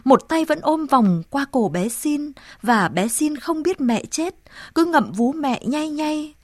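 A woman's voice: high-pitched, lively intonation, slow, no room sound. Solemn woman storyteller, dry close sound. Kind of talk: audiobook narration.

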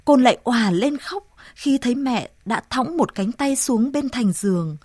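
A woman narrates a story in a measured, solemn way. Her voice sits a little high, recorded close in a dry, dead room. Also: animated, darkish tone, breathy edge, no echo. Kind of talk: audiobook narration.

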